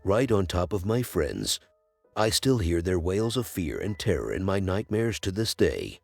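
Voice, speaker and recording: A man narrating a first-person horror story in scripted narration, with a measured storytelling delivery. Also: sits low, big pitch swings, gravelly, no room sound. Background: faint music.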